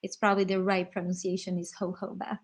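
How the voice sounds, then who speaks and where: A woman's voice: medium pitch, fairly even intonation, a little slow. Woman chatting about oils. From Brazil. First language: Portuguese. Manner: explanatory, many fillers and restarts. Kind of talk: casual livestream chat.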